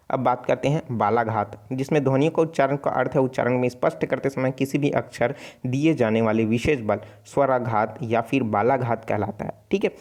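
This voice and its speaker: A man's voice: mid-range voice, darkish tone. A man with a Chhattisgarhi accent teaching an online exam-prep class, explaining steadily, sounding out letters and correcting himself often. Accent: Chhattisgarhi Hindi. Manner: explanatory, repeats sounds aloud, frequent self-corrections. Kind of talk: casual spoken lesson.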